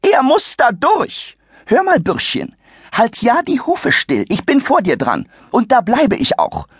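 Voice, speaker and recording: A man voicing a shrill, bossy older woman in a storybook, scolding and indignant. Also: wildly swooping pitch, a little slow, slightly rough, no echo, studio quality, full character voice.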